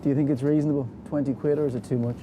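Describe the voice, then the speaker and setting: A man's voice: mid-range voice, fairly even intonation, rapid-fire. A British man reporting on location in a chatty, colloquial way, talking to camera and putting questions to people. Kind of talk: informal piece to camera and street interviewing. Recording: clear outdoor and vehicle noise.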